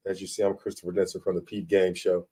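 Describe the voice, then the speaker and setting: A man's voice: low-pitched, little pitch movement, quick pace, dark tone, slightly rough. A man, hosting his show in a casual, streetwise talk straight to the camera, often checking in with "you dig". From Chicago, USA. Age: 50s. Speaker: show host.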